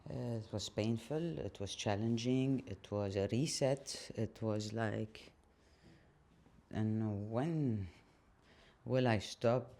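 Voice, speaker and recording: A man speaking an unscripted personal monologue while washing dishes, reflective and hesitant, with frequent pauses. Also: lowish voice, vocal fry, mellow. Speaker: channel host.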